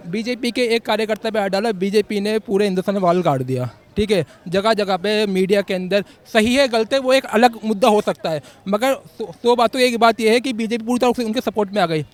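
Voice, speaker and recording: A man's voice: sits high, a little fast, hardly any pauses. A man on a city street giving an argumentative political opinion to a reporter, conceding points before pressing his own. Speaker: passerby interviewed on the street. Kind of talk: street vox-pop opinion.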